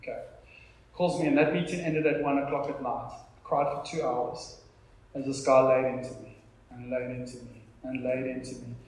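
A South African pastor in his thirties preaches an informal, live sermon to his congregation in a very echoey room. His mid-range voice is steady, a little mellow, and moderately paced, and he stays conversational yet emphatic, repeating phrases for effect while sharing personal stories.

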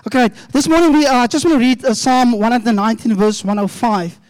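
A woman's voice: a little high, fairly quick, a little mellow, poor audio. A woman with a South African Afrikaans accent leading an interactive children's sermon, coaxing and questioning as she switches between English and Afrikaans. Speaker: children's church leader.

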